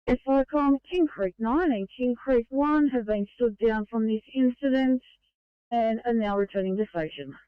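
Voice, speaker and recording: A woman's voice: fairly high pitch, moderate pace, clean tone, no echo. A woman working as an emergency dispatcher, speaking in clipped radio procedure over a walkie-talkie. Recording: narrow, tinny two-way radio transmission.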